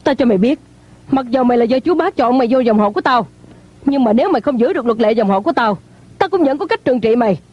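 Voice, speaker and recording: A woman's voice: on the high side, animated, fast talker. A woman dubbing a stern older matriarch of a wealthy clan in a TV drama, commanding and scolding. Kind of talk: dubbed TV drama. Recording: dull lo-fi dub with loud music.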